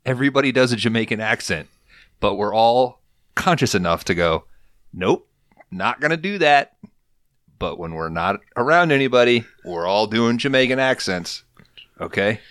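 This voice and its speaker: A man's voice: lowish voice, expressive, normal speed, a bit bright, dry recording, clean studio sound. A man co-hosting a casual podcast who talks bluntly and swears freely while making his points. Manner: blunt and profane, ranting. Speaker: podcast co-host. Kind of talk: casual chat.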